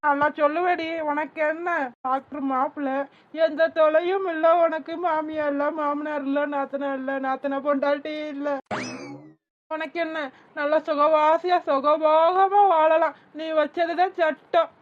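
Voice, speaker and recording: Melodramatic cartoon aunt, voiced by a woman, wailing complaints, high-pitched. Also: fairly even intonation, a little slow, phone-quality sound, a little hiss or hum. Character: wailing aunt, dramatic, fed-up daughter-in-law.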